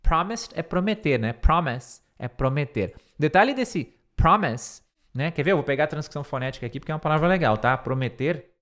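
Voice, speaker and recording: Middle-aged guy teaching english, kinda high voice, says words over and over slow, fixes himself mid-sentence. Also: animated, fairly bright tone. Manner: repeats words slowly to model pronunciation; thinks aloud and corrects himself mid-sentence. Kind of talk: English lesson explaining a speech line by line.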